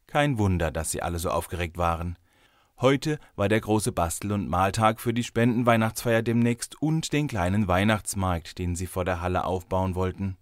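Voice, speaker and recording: A man reading a story aloud in a lively, expressive storytelling manner. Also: deep voice, normal speed, dry recording, studio quality. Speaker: narrator.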